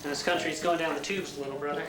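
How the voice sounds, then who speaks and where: Actor as a heated, fast-ranting male brother, echoey room with music. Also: fairly high pitch, steady tone, natural voice. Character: angry older brother railing at the country. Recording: roomy sound with music behind.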